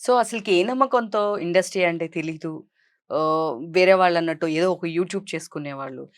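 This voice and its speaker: A female interview anchor with a somewhat low voice, asking probing questions in a relaxed, conversational tone. The recording is dry, with no room sound around her. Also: normal speed, no room sound. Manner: inquisitive, conversational with brief acknowledgements.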